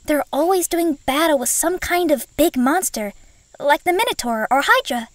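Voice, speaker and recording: A shy, bookish schoolgirl played by a woman in a comic dub. Her voice is quite high, gentle and thoughtful, recorded very dry. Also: expressive, normal speed, dry recording. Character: shy, bookish young schoolgirl new in town.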